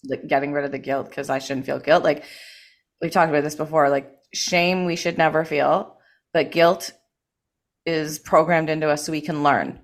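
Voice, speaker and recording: Woman podcast host, low pitch, chatty and rambling, casual talk. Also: steady tone, moderate pace. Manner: chatty, lots of likes and you knows. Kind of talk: casual chat.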